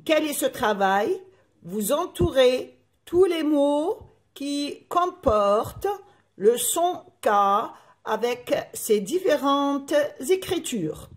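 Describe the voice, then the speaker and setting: A woman teaching a primary school phonics lesson, spelling out letters and sounds slowly and carefully. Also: high voice, lively intonation, echoey room. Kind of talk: recorded classroom lesson.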